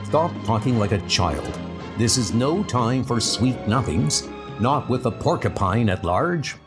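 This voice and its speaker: A man's voice: medium pitch, animated, unhurried, close to an everyday voice. A man playing an earnest, stern scientist superhero in a comic-book dub, with a dramatic delivery. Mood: stern concern. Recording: loud music under the voice.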